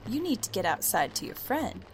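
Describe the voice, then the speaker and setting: A woman voicing a pompous, rude male creature on the ceiling, talking in a loud, haughty, scolding way. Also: medium pitch, big pitch swings, a little fast, a little hiss or hum, close to an everyday voice.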